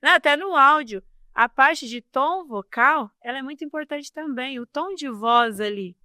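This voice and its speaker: A woman speaking as a podcast guest on communication, talking in a casual, expressive and emphatic way. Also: high voice, normal speed, no echo, studio quality.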